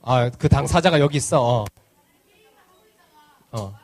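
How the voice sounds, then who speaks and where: Speaking slowly with lively intonation at a medium pitch, a children's pastor gives an interactive sermon during a church service. He teases the kids playfully and fires plenty of questions at them.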